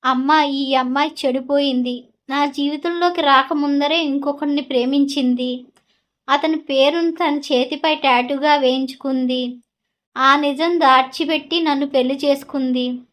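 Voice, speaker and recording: A woman's voice: sits high, steady tone, unhurried, a bit bright. Betrayed furious husband, read by a woman. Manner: accusing outbursts.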